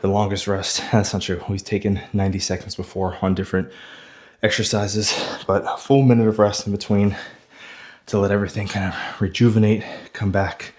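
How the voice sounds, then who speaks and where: A man leading a follow-along workout as a fitness coach, out of breath, counting reps aloud that trail off breathy mid-set. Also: on the low side, level tone, normal speed, darkish tone.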